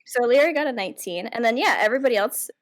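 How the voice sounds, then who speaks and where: A woman's voice: fairly high pitch, expressive, racing. A woman narrating as dungeon master of a tabletop game, talking in a rambling way with many fillers and restarts.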